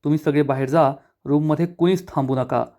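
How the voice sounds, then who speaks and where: A man's voice: on the high side, steady tone, mellow, natural voice. A man voicing a serious middle-aged doctor giving grim news in a retold drama. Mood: grave. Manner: serious, measured, quick explanation. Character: grave, calm middle-aged male doctor.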